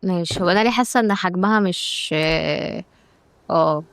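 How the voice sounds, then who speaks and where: A woman's voice: fairly low pitch, moderate pace, clear, resonant tone. Chatty Egyptian woman gamer. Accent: Egyptian Arabic. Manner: chatty, exclaiming, bantering with game characters. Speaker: gaming YouTuber. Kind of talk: casual let's-play commentary.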